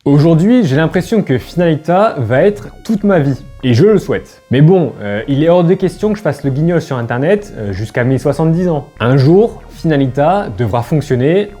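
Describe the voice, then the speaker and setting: French man vlogging over soft music. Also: on the high side, expressive, normal speed, hardly any pauses. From France. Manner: direct, addresses viewer informally with tu. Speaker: YouTuber and brand founder. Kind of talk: scripted vlog monologue to camera. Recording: faint background music.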